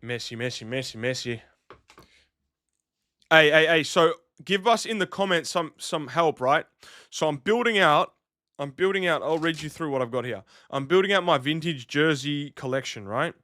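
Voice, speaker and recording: A man streaming live, half commentating a local football match and half chatting with his viewers, loose and talkative. His voice is smooth and clear, picked up close on a dry mic. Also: a little high, animated, normal speed, pushed and bright, no echo. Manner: chatty, loose, reacting to chat and soundboard clips.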